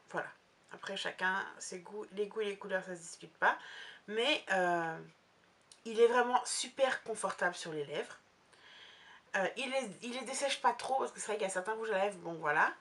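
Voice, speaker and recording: A woman's voice: medium pitch, a bit bright. A young woman talking casually through a makeup haul, rambling with many fillers and restarts. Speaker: beauty vlogger.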